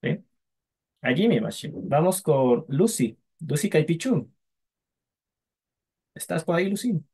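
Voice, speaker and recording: A man's voice: fairly high pitch, big pitch swings, takes it slowly, pauses often, mellow, husky. A man teaching a language class online, patiently drilling sounds for students to repeat.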